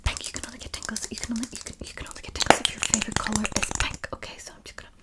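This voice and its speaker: Fast, aggressive whispered role-play ASMR woman. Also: fairly high pitch, little pitch movement. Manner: fast, insistent ASMR whispering with rapid repetition and stuttered words. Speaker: ASMR video creator.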